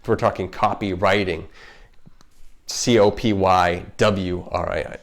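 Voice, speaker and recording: Low-voiced man with a slight retainer lisp. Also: fairly even intonation, takes it slowly. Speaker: video host, marketer. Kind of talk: casual unscripted explainer vlog. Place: home kitchen.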